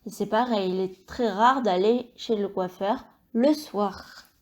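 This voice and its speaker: A woman teaching a primary school phonics lesson, speaking patiently and spelling out each sound and syllable with careful, clear articulation. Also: medium pitch, slow pace.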